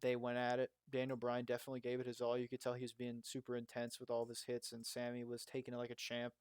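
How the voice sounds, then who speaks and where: A man's voice: mid-range voice, monotone, quick pace, a little mellow, smooth, dry recording, studio quality. A young man co-hosting a casual wrestling review podcast, rambling with lots of fillers and cheerful swearing. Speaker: podcast co-host. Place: makeshift home recording spot.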